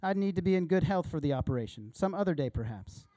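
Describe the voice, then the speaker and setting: Timid, fussy male ghost, read by a man, apologetic and hesitant, slightly high voice. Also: lively intonation, fast, dry recording, clean studio sound, natural voice. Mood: pleading. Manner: apologetic, hesitant, soft-spoken. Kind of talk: reading a story aloud in a sermon.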